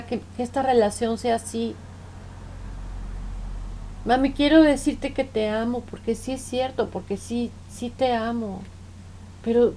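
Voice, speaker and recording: Woman playing a hurt middle-aged daughter confronting her parents; pleading, reproachful, voice sits a bit high. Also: warm tone, a little hiss or hum, close to an everyday voice. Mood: tearful pleading. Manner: pleading, reproachful, repeats "mamá".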